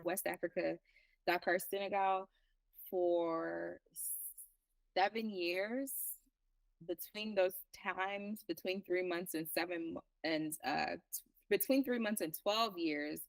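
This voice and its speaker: A young woman from Liberia, a herbalist guest in an interview, speaking earnestly and reflectively with halting restarts. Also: lowish voice, gravelly, no room sound, far from the mic, low-quality recording. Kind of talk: casual interview talk.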